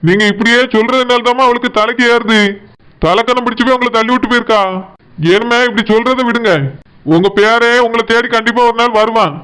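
A man's voice: very high voice, little pitch movement, fairly quick, bright, forceful tone, clear, resonant tone, poor audio. A voice actor playing a stern young village husband with a Tirunelveli Tamil accent, scolding his wife and comforting his mother. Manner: scolding, lecturing. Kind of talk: cartoon voice acting.

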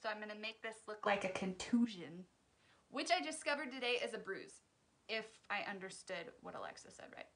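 A woman's voice: mid-range voice, animated, brisk, a bit bright. A woman hosting a casual livestream makeup tutorial from home, chatty and joking at her own expense.

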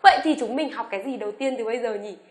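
A woman teaching an online beginners' lesson, asking the class questions and reading each letter slowly for them to repeat. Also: fairly high pitch, roomy sound. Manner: asks the class rhetorical questions; reads letters aloud slowly for repetition. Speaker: English teacher.

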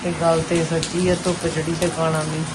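A woman with a Punjabi accent chatting casually to her channel as a vlog host, repeating herself in an expressive, exclaiming way. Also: low voice, brisk. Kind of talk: casual home vlog narration. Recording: noisy, rain sound behind the voice. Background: rain falling.

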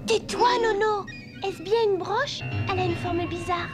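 A lively little cartoon alien girl, bossy but sweet. The voice is extremely high and exclamatory, with music behind it. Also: moderate pace. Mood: curious. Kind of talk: cartoon dub.

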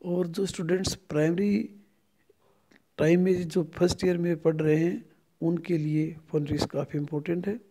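A man's voice: on the high side, steady tone, moderate pace, mellow. A middle-aged man with an Indian accent, a native Hindi speaker, teaching a phonetics lesson. He repeats each word aloud several times as he drills the vowel sounds. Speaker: English lecturer.

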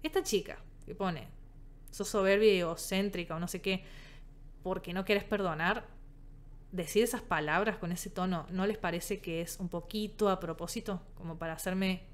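A woman psychologist with a Rioplatense Spanish accent talking casually to her viewers, emphatic and animated, acting out the phrases people say. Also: on the low side, moderate pace. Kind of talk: casual talk to camera.

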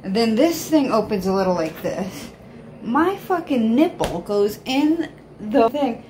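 A woman's voice: fairly high pitch, animated, measured pace, mellow, slight background noise. A woman in her thirties talking casually to a phone camera held at arm's length, chatty and often exasperated. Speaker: vlogger. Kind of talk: casual vlog talk to camera. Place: outdoors and at home, varied.

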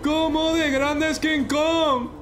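A young man with a strikingly high voice and an accent from Spain reacts on camera as an excitable anime fan. His commentary is exclamatory and comes at an unhurried pace, with prominent music playing behind him. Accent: Spanish from Spain. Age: young adult. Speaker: reaction video host.

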